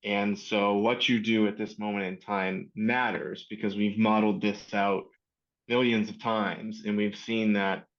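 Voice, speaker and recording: Low-voiced man on a dull video call. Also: flat delivery. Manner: fast, filler-heavy explaining. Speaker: panel co-presenter. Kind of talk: casual panel discussion.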